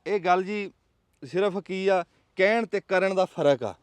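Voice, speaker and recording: Emphatic, higher-pitched Pakistani Punjabi man hosting. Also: a little slow, clear, resonant tone, no echo. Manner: emphatic, rhetorical, folksy storytelling. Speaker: vlog host. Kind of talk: casual outdoor vlog talk.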